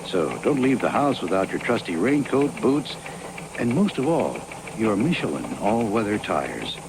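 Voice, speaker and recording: A man's voice: on the low side, sing-song, measured pace. A man reading a scripted commercial in the style of a weather forecast. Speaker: commercial announcer. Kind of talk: mock weather forecast ad read. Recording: noisy 1980s television ad.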